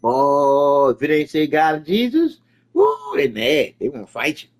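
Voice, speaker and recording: A man with a hosts a loose live stream chat. His voice sits a little high and swings widely in pitch as he preaches at his viewers, often stammering into a point. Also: very animated, normal speed, a little mellow.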